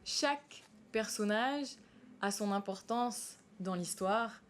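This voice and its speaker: Hesitant actress chatting on set. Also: female voice, medium pitch, slow, a little hiss or hum. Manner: hesitant, many fillers and restarts. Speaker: stage actress interviewed as guest. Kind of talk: live studio interview.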